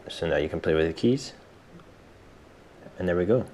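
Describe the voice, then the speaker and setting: Low-pitched but with lively intonation, a man presents a casual software tutorial at normal speed. He's informal and self-deprecating, thinking aloud as he goes, and the recording has some background noise.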